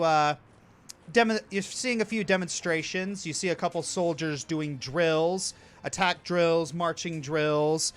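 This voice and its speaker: A man with a high, slightly bright voice narrates a tabletop game casually as game master. His delivery is halting, and he keeps backtracking on his sentences.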